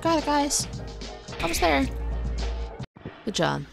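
A woman's voice: sits high, big pitch swings, slow, vocal fry, over music. A woman giving casual video game commentary as she plays, reading on-screen text aloud.

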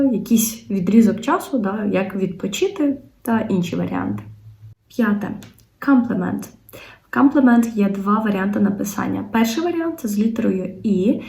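A young woman English teacher with a Ukrainian accent goes through word pairs patiently, stopping often on little filler sounds. Her voice is mellow and dark, and it carries a roomy echo. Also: medium pitch. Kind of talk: explaining English vocabulary in Ukrainian. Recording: echoey room.

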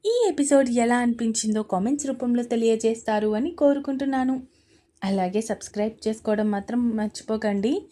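A woman narrating a serialized romance story in a steady, expressive way. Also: fairly high pitch, a little fast.

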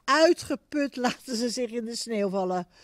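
A woman reading a Christmas picture book aloud to children, expressive and speaking to them directly. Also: fairly high pitch, moderate pace. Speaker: storyteller.

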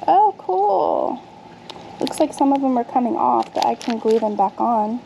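A woman's voice: fairly high pitch, animated, a little slow, creaky, background noise. A woman in her thirties chatting casually to camera outdoors, thinking aloud as she sorts her dumpster finds. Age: 30s. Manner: chatty, thinks aloud while sorting items. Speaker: vlogger sorting dumpster finds. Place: outdoors on a backyard patio.

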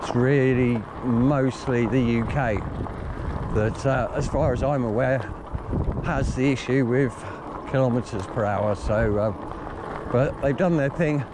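Man, casual outdoor vlog chat, rambling with ums, average pitch, noisy outdoor recording. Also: unhurried. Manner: rambling, many ums and essentially. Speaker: vlogger. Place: outdoors in the countryside. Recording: outdoor recording with clear background noise.

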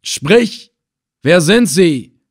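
A man's voice: medium pitch, expressive, unhurried, natural voice. A man voicing a sneering slave trader. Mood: commanding. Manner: sneering, threatening. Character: cruel male slave trader, scornful and furious. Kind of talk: audiobook character voice.

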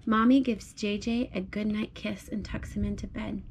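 A woman speaks at normal speed in a medium-pitched, darkish voice with a steady tone, reading a picture book aloud to a small child indoors at home on a blanket. She's encouraging and sing-song, with simple repeated phrases, over slight background noise.

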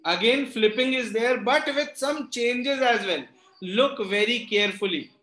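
Speaking a little slowly, a North Indian-accented man leads an interactive online reasoning lesson, mixing Hindi phrases with English and frequently checking comprehension through short questions. His voice is extremely high, pushed and bright, and it carries a roomy echo.

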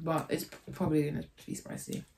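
A young woman co-hosting an eating video, chatting casually and excitably while she eats. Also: low-pitched, gravelly, slight background noise. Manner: excitable, quick to gasp and laugh. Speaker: co-host of an eating channel.

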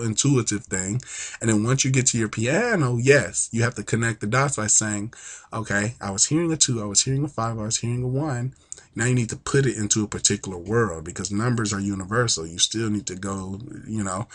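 A man's voice: medium pitch, breathy edge. A man hosting a casual piano lesson, talking energetically and checking in with viewers with "okay?" as he explains. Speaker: piano teacher and host.

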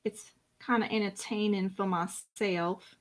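A woman with a mid-range, steady voice speaks slowly while leading a relaxed painting lesson on a live stream. She chats easily and talks to herself as she paints.

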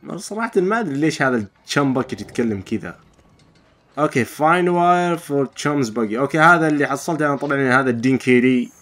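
A man's voice: medium pitch, expressive, quick pace, a bit bright. A man giving casual let's-play commentary and explaining each step to his viewers. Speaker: gamer.

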